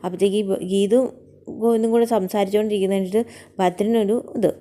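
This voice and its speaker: A woman in a chatty, rapid retelling of a TV serial episode, full of repeated fillers. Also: medium pitch, steady tone, warm tone. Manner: fast, chatty retelling that keeps repeating little filler words.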